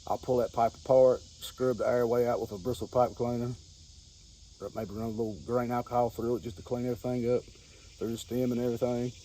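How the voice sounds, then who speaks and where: A man's voice: medium pitch, mellow, low-quality recording. A man with a Southern American accent talks casually and off the cuff like a hobby vlogger, in a folksy, rambling way that circles back and repeats itself. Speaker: pipe-smoking hobbyist video host. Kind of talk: casual unscripted vlog talk. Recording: outdoor recording with clear insect noise.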